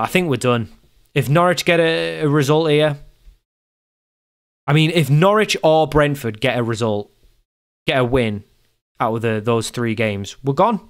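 A man's voice: medium pitch, clean tone. A young man giving casual commentary over a football management game, exasperated and repeating himself as he talks to himself. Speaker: gaming YouTuber.

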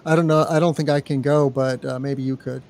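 A man's voice: mid-range voice, steady tone, brisk, a little mellow. A man co-hosting a podcast, talking in an easygoing, chatty way and bantering with his co-host. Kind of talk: casual chat.

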